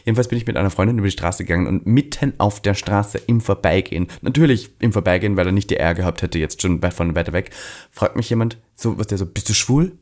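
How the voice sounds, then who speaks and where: A young man from Austria, co-hosting a podcast, tells street stories at a rapid clip in a lowish voice. He acts out each quoted line as he goes. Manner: animated storyteller, acts out quotes. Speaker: podcast co-host. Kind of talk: casual chat.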